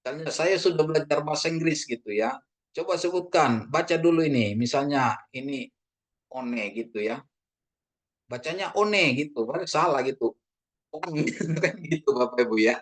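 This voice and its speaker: A man from Indonesia teaching a casual Greek language lesson, slowly drawing out words for learners and addressing them politely, with many fillers. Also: a little high. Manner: drawn-out repetition of words, frequent fillers; addresses listeners as ladies and gentlemen.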